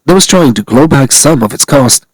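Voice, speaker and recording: A man's voice: medium pitch, lively intonation, normal speed, no echo, rough recording. A man narrating a scripted celebrity news commentary, reading steadily from articles.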